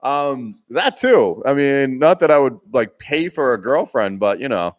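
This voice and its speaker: Hosting a live Q&A, this young Boston-accented vlogger sounds very animated yet unhurried, his voice medium in pitch. He reads viewer comments out loud, laughs often, and frequently starts sentences over.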